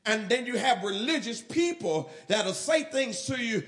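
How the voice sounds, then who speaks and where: A male pastor preaching a sermon, shifting from quiet, low asides to shouted and half-sung lines. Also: animated, a little slow.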